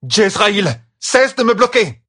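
A man voicing a wrathful woman of a religious order who barks sharp orders. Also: high voice, animated, takes it slowly, dry recording, clean studio sound, pitched above the performer's own voice, heavily acted. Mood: angry. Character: wrathful stern woman of an order, cold fury.

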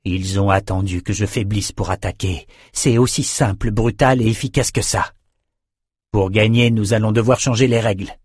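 A man voicing a grim, wounded male lord leading a battle, speaking in steady, reasoned commands in an audiobook. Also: lowish voice, moderate pace, husky, no room sound, clean studio sound. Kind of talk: audiobook character reading.

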